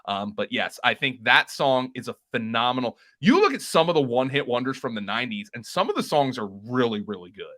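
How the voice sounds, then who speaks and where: A man's voice: medium pitch, expressive, fairly quick, few pauses, fairly bright tone. A man co-hosting a podcast, chatting enthusiastically and rambling a little, with fillers and restarts. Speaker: podcast co-host. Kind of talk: casual chat.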